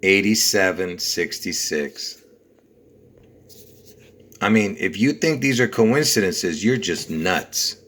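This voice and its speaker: A man's voice: low voice, slow, long pauses, a bit bright. Rambling, insistent man walking through numbers. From Lebanon. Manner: rambling, insistent, repeats numbers, frequent "okay?" and "you see?". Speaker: video host. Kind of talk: conspiracy numerology video walkthrough.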